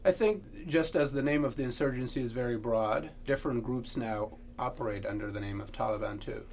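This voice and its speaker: Earnest Afghan man with a gravelly voice. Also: medium pitch, darkish tone, slight background noise. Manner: earnest, measured, with pauses and restarts. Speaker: guest. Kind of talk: podcast interview answers.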